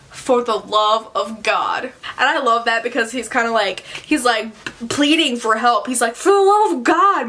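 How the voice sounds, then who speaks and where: A woman's voice: on the high side, sharp tone. A young woman vlogging book recommendations to camera, chatty and earnest, with lots of "like" and "I don't know". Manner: chatty and earnest, with many likes and I-don't-knows.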